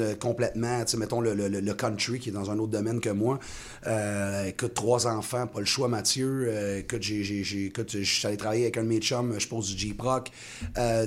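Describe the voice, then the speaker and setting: Casting note: Québécois man, late thirties, touring singer, loose rambling interview talk full of fillers and laughter. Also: lowish voice. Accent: Québécois French. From Quebec. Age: 30s. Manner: rambling, many restarts and fillers, laughs easily. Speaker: touring singer-songwriter guest. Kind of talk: casual radio interview.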